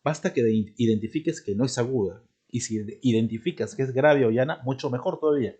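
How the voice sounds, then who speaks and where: A man's voice: medium pitch, fairly quick, warm tone, slightly rough. A male teacher giving a recorded grammar lesson, explaining step by step and checking in with his students.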